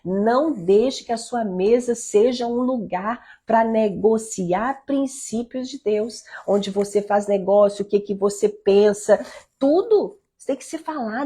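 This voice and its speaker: A woman's voice: a little high, mellow, slightly rough. A middle-aged woman giving informal devotional teaching to mothers from her home, earnest and exhorting. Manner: earnest, exhorting, quotes her own talks with her son. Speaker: leader of a mothers' prayer group.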